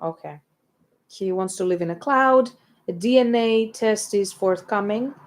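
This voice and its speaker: A woman's voice: mid-range voice, a little slow. Bickering young woman. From England. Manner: bickering, swears casually. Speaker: band member co-hosting a stream. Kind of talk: casual banter.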